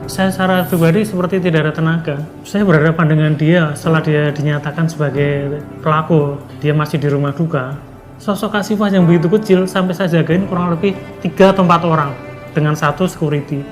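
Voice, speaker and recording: A man, a bereaved father, giving his testimony in a quiet, subdued way. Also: on the high side, steady tone, a little fast, faint music behind. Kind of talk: testimony interview.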